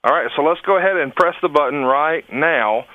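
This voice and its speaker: A man's voice: a little high, fairly quick, dry recording, narrow, tinny audio. A man co-hosting a podcast, explaining things conversationally and prompting his partner with questions. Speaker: podcast co-host.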